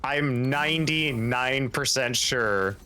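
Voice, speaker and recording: A man in casual gameplay chat, excitable and given to repeating his phrases, with faint game noise behind him. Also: mid-range voice, slow pace. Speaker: video game streamer.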